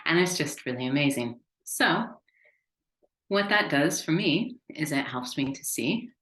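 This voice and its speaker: Her voice sits low and carries a touch of brightness, animated but unhurried. An American consultant, she leads a cheerful, chatty business webinar recorded in a room with noticeable echo.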